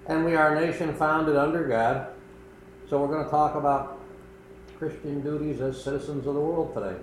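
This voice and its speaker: A man's voice: a little high, fairly even intonation. Older male pastor preaching in echoey church. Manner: earnest, conversational preaching with pauses. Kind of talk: sermon. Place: small church. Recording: echoey room with faint background noise.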